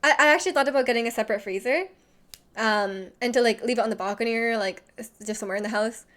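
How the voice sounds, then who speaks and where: A young woman streamer with a slight lisp reads chat messages and rambles casually, saying "like" constantly. Her voice is fairly high, a bit bright, and she talks fast.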